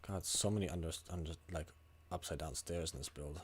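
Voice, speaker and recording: A man with a low, husky voice talks briskly during a casual gaming livestream. As he plays the video game, he mutters to himself and swears.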